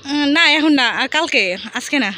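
A rooftop garden vlogger with a Bangladeshi accent chats casually to viewers in a high-pitched, sharp voice, speaking briskly and repeating some explanations. She's recording on a handheld phone behind the camera in an open city rooftop garden, so the outdoor audio is noisy.

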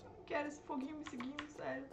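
A young woman, streaming herself playing a game and reacting with excitable, panicky outbursts. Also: high-pitched, rapid-fire, noisy background. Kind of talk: live gameplay commentary.

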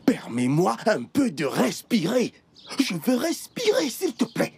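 A woman's voice: medium pitch, wildly swooping pitch, a little slow, vocal fry, darkish tone, slight background noise, heavily acted. A woman dubbing a young man who is fed up with a lover chasing him, speaking in a scornful, weary way in a French film dub. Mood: exasperated. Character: young man, exasperated lover being pursued. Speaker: dubbing actor.

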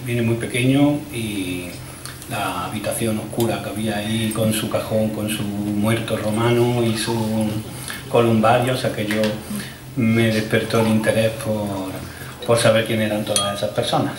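A man's voice: on the low side, little pitch movement, normal speed, noisy background. Man lecturing in an echoey room. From Córdoba, Spain. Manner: informal, emphatic, with asides and restarts. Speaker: guest lecturer. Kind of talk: museum lecture. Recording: echoey room, voice picked up from a distance.

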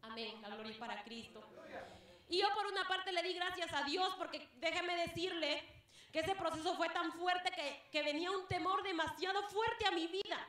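A high, bright-voiced woman from Guatemala gives a fervent testimony to her congregation. She calls out to them as beloved brethren. Her voice rings through a very echoey church hall. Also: normal speed. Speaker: church member giving testimony.

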